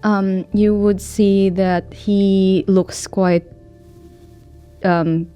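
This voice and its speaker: A woman narrating a tabletop role-playing game as game master, unhurried and full of pauses. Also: medium pitch, level tone, smooth, lo-fi sound, faint music behind. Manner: slow, unhurried, with fillers.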